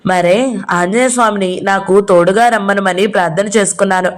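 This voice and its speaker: A woman's voice: medium pitch, fairly even intonation, fairly quick, lightly acted. A woman reading aloud as an innocent, eager little boy in a novel, rambling through his story in long run-on sentences. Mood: eager chatter.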